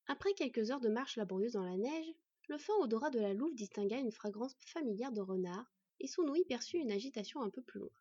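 A woman reads a fantasy novel aloud in a steady, mellow voice with a breathy edge, pitched slightly high. The recording is dry and dull, with no room sound. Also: fairly quick, no room sound. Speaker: audiobook narrator. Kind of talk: scripted narration.

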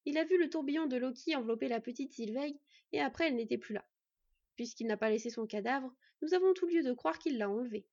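A woman voicing a sober male raven who explains calmly. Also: high voice, fast talker, no room sound, muffled recording. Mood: matter-of-fact.

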